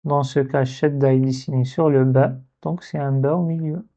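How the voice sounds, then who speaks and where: A man's voice: medium pitch, steady tone, moderate pace, warm tone. A man teaching a reading lesson step by step, patiently repeating syllables to demonstrate pronunciation. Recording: dull, muffled lo-fi recording.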